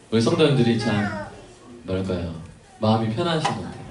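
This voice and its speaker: A male pastor preaching a sermon in a lively way, acting out little conversations for his congregation. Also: medium pitch. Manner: animated, acts out dialogue. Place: church sanctuary. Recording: echoey church hall, mic at a distance, faint noise.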